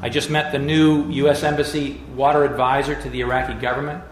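A man giving a public lecture with slides, in a measured, emphatic way with frequent restarts and fillers. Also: mid-range voice, little pitch movement, reverberant, a little hiss or hum.

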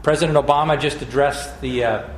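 A man giving a public lecture with slides, in a measured, emphatic way with frequent restarts and fillers. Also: mid-range voice, steady tone, reverberant, slight background noise.

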